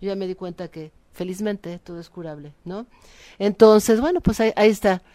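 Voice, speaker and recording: A chatty woman talks as a radio guest, often tagging her sentences with little questions. Her voice is mellow and dark in tone, recorded close and dry with no room sound. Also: medium pitch, fairly quick, no echo. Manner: chatty, many fillers and tag questions. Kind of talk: casual chat.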